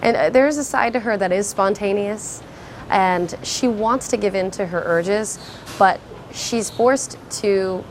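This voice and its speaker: A woman's voice: medium pitch, measured pace, a little hiss or hum, rough recording. A woman talking as a lead actress about her character in a behind-the-scenes interview, thoughtful and reflective.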